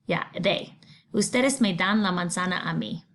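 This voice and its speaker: A woman's voice: lowish voice, normal speed, fairly bright tone. A middle-aged woman, patiently teaching a recorded Spanish lesson, explaining grammar step by step. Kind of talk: recorded remote class lesson.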